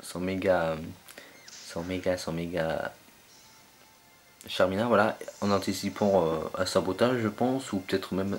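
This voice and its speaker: A young man with a low voice commentates his own online battle game match, hesitating and filling gaps with fillers as he searches for names.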